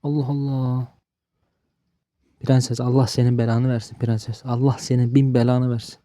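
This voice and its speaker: A man's voice: mid-range voice, little pitch movement, moderate pace, dark tone, no room sound, studio quality. A man giving casual gameplay commentary, frustrated and talking to himself, cursing the game. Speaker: gaming streamer.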